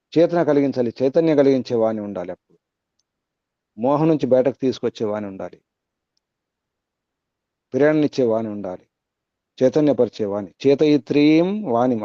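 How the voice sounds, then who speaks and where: A man with a dark, mellow voice gives a spiritual discourse. He draws out the verse words slowly before breaking them down phrase by phrase. The recording is dry and a little dull. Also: medium pitch, dry recording. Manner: chants the verse slowly, then explains it in measured phrases. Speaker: Vedic teacher.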